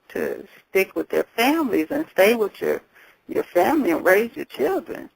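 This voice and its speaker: Slow, gravelly woman losing her voice. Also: fairly low pitch, no room sound, poor audio. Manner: halting, repeats words while thinking. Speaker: host. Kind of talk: talk on community history.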